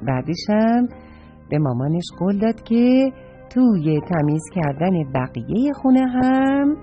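A woman's voice: medium pitch, soft background music. A woman telling a children's story and speaking directly to young listeners, recorded dull and lo-fi. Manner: warm, expressive, addresses children directly.

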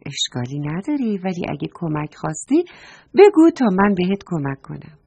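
A woman voicing a gentle, loving mother in a children's story, speaking tenderly and reassuringly. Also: fairly low pitch, big pitch swings, husky, exaggerated voice. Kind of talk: storybook read-aloud.

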